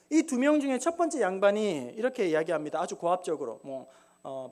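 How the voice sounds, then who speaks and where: A male pastor preaches in a church, bringing folk tales and parables to life with acted-out voices. His pitch rises and falls in a lively way throughout the telling. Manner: animated storytelling with acted-out voices. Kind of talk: sermon. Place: church sanctuary.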